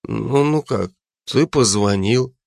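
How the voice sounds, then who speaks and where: A man's voice: mid-range voice, takes it slowly, gravelly, a little mellow, dry recording, clean studio sound. A man voicing a drunk, frightened man who whines, pleads and slurs his words. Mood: drunk mumbling. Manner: whiny, slurred, self-pitying.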